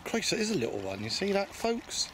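A man's voice: sits high, sing-song, brisk. A man filming his fishing friend at a lake, joking and swearing in casual banter. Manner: joking, teasing, swears freely. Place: lakeside outdoors. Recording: outdoor ambience and water noise.

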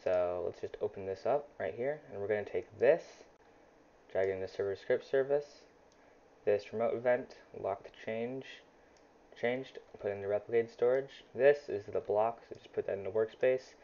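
A man's voice: lowish voice, moderate pace, warm tone. A young man talking casually through a coding tutorial, thinking aloud while he types, with plenty of ums. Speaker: YouTuber teaching game scripting. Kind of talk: screen-recorded coding tutorial. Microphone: desk mic near a loud keyboard. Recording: dull lo-fi home mic, faint typing noise.

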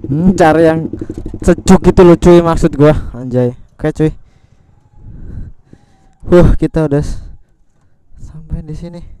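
A man's voice: on the high side, fairly even intonation, slow pace, long pauses, dark tone, smooth, poor audio. Slangy young man vlogging on a motorbike. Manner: slangy, exclaiming, chatty to the camera. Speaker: motovlogger. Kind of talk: casual motovlog chat while riding. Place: outdoors on a motorcycle on rural roads. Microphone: helmet or bike-mounted action camera. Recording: wind and engine noise from riding outdoors.

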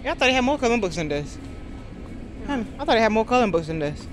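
Sing-song and a little high, this woman's voice races along very fast as she vlogs while shopping. Her casual family vlog chatter is hesitant and full of ums, recorded on a noisy phone.

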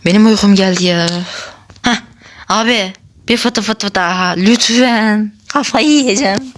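A woman hosting a gaming channel, giving chatty, excitable gameplay commentary, laughing often and talking straight to her viewers. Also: medium pitch, a little slow.

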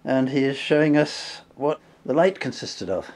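A man's voice: medium pitch, lively intonation, moderate pace, a little mellow. A Canadian man interviewing, with brief and encouraging questions and comments. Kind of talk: casual interview.

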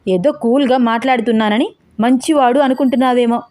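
A woman voicing a quick-tempered young man who scolds his fiancée in exasperation. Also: fairly high pitch, steady tone, dark tone, dry recording, close to an everyday voice. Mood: annoyed.

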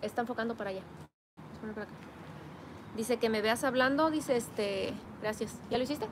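A woman chats casually through a live stream, reading comments aloud and playfully teasing her viewers. Her voice sits a little high. Faint ambient sound hums behind her. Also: a little fast, background noise. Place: home garden workspace.

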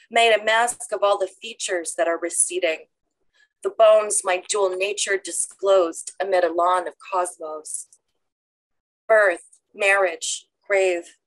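A middle-aged woman reading her own poetry aloud in a measured, deliberate way, speaking over a video call from a room at home. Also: mid-range voice, a bit bright, low-quality recording. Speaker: poet reading her work.

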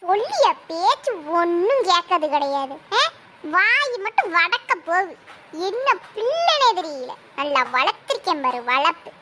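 A woman voicing a loud, exasperated village mother in a family cartoon, scolding and lamenting at length. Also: very high voice, very animated, a little slow, a little hiss or hum, exaggerated voice. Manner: scolding, dramatic complaining. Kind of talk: cartoon dialogue.

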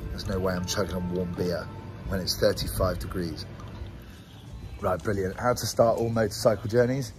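A British man in his twenties, who grew up in Southeast Asia, mainly Singapore, chats to camera as a travel vlogger in a laid-back, slangy way. His low-pitched voice holds a steady tone at normal speed, with music in the background. He's outdoors at an open-air bar and roadside in a small town, filming handheld on a phone or camera at arm's length.

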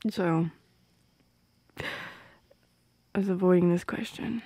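A young woman acts out a bashful, teasing teenage goth girl for ASMR, her fairly low voice soft, breathy and hesitant, breaking off with small laughs and frequently whispering. A close mic in a dry space leaves no room sound.

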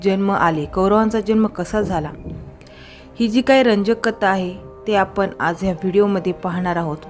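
A woman's voice: medium pitch, moderate pace, a little mellow. Woman narrating a story over faint music. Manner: conversational, with small slips and self-corrections.

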